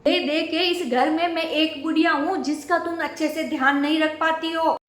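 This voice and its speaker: A woman's voice: high voice, steady tone, normal speed, echoey room, a crowd in the background, close to an everyday voice. A woman playing a nagging, demanding elderly grandmother who scolds and accuses the household. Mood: scolding.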